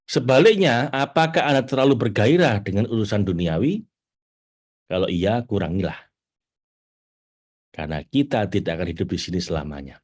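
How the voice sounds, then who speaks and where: In this lively talk, a spiritual trainer in middle age teaches an audience about spiritual matters. His delivery jumps up to excited high-pitched bursts, while quotes are read out at a slow, deliberate pace.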